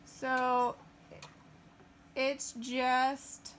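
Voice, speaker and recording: A woman's voice: high voice, monotone, extremely slow, a bit bright, a little hiss or hum. A woman hosting a casual sewing tutorial, chatting and using lots of fillers as she talks through each step while she works. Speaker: craft tutorial host.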